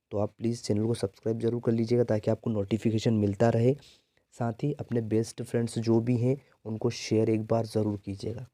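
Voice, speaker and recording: A man's voice: medium pitch, mellow, no echo. A man teaching an exam-prep grammar lesson in a Hindi accent, repeatedly asking and answering his own questions. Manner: repetitive call-and-response questioning.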